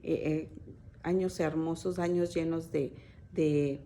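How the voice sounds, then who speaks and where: A woman's voice: low voice, fairly even intonation, slow, warm tone, slight background noise. A woman giving an informal sermon to a church women's group, talking hesitantly with many fillers and restarts and telling stories to her sisters in faith. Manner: conversational storytelling, addressing listeners as sisters. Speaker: women's Bible teacher at church.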